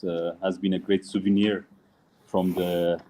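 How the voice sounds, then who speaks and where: Middle-aged man, very deep voice, warm dark tone, halting speech with many fillers, video call chat. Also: level tone. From Ethiopia. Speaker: musician and music teacher. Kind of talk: casual interview chat.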